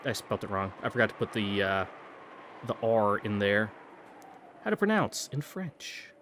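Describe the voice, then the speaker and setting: A man's voice: on the low side, sing-song, normal speed, fairly bright tone, a little hiss or hum. A man reading a visual novel aloud, breaking off for casual, self-mocking asides and puzzling over pronunciations. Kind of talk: read-through with joking asides.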